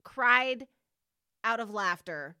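Bright, giggly woman chatting about a movie. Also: fairly high pitch, takes it slowly, clear, resonant tone, no echo, clean studio sound. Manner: giggly, expressive, says "like" a lot. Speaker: podcast co-host. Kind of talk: casual movie review chat.

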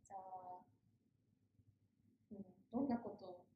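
A woman's voice: mid-range voice, fairly even intonation, measured pace, echoey room, highs cut off, slight background noise. Japanese woman hosting a chat podcast. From Yamagata, Japan. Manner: friendly, warm interviewer, chuckles and backchannels. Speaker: podcast host.

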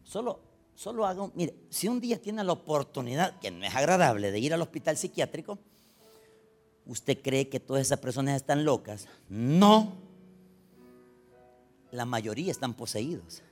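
A man preaching a sermon, swinging between loud urgent lines and low confiding storytelling. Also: animated, normal speed, soft background music. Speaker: pastor.

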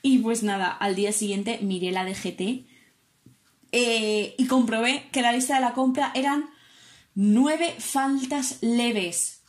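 A young woman with a Spanish accent from Spain, telling a story to her vlog audience in a lively, casual way, acting out quotes and swearing freely. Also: on the high side, slow pace. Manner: animated, swears often, acts out quotes. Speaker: vlogger. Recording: echoey room.

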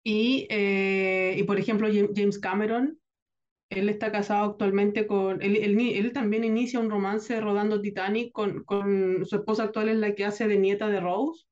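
A podcast co-host explaining film-industry gossip in a steady, informative way. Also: medium pitch, normal speed. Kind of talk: casual film discussion. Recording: dull lo-fi sound.

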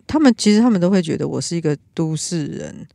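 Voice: medium pitch, lively intonation, fast talker, creaky, warm tone, no echo, studio quality. A podcast host, talking in an earnest, reflective and rambling way in casual chat.

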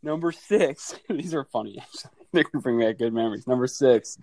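A man's voice: medium pitch, fairly quick, mellow, no echo. Man in his thirties, laid-back host with a mid-range voice, laughs a lot, swears, acts out scenes, dry close sound. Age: 30s. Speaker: podcast host. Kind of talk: casual chat.

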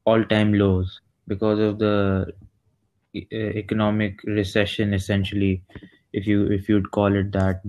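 A man's voice: lowish voice, a little mellow. A young man chatting casually as a podcast co-host, mixing English with some Hindi-Urdu. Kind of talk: casual chat.

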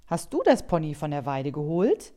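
A woman's voice: low voice, wildly swooping pitch, moderate pace, warm tone. A woman reading as a chatty, easygoing fruit seller. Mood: friendly. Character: friendly middle-aged male fruit seller.

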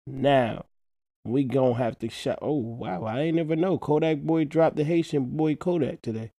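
A man's voice: fairly high pitch, normal speed, warm tone, no room sound, studio quality. A man hosting a music show, chatting casually about new songs in slangy, hyped banter.

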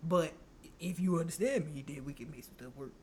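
A woman's voice: low-pitched, fairly quick, darkish tone, slight background noise. A woman co-hosting a podcast, chatting casually, joking and laughing often. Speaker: podcast co-host. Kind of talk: casual chat.

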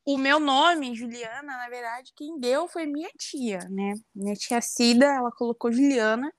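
A young woman from Rio with a Carioca accent, telling her story in a chatty, reflective way. Her voice sits high, and the recording is dry and close. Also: a little slow, dry recording. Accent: Carioca Brazilian Portuguese. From Rio de Janeiro, Brazil. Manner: chatty, reflective, frequent tag questions. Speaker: guest. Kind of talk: casual interview conversation.

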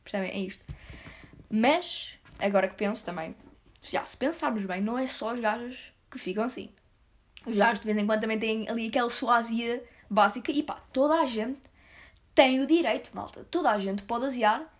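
A woman with a European Portuguese accent talks straight to her viewers in a loose, slangy rant. Her voice sits a little high, and she rambles, then punches words hard. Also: normal speed. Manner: slangy, rambling, blunt, with sudden emphatic outbursts. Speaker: vlogger.

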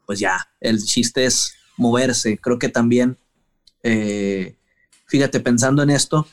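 A man from northern Mexico interviewing a guest in a relaxed, conversational way. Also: medium pitch, slow pace. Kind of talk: casual interview chat.

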